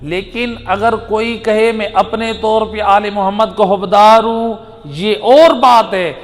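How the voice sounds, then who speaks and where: A man preaching a majlis sermon, swinging from loud exhortation to soft chanted recitation. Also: high-pitched, steady tone. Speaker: Shia preacher. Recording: long hall reverb.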